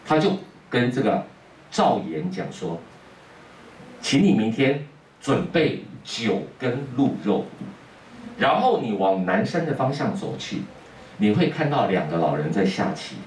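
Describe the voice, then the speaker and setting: Lively male lecturer, roomy classroom sound with faint hiss. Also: fairly low pitch, unhurried, long pauses, far from the mic. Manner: animated, quizzes the class. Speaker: teacher.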